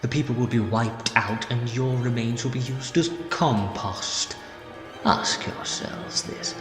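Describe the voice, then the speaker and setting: A man's voice: medium pitch, slow pace, lightly acted. A man playing a bitter, decayed villainous mastermind in a fan audio drama, grandiose, persuasive and menacing. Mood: urgent, menacing. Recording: echoey hall, clear music behind.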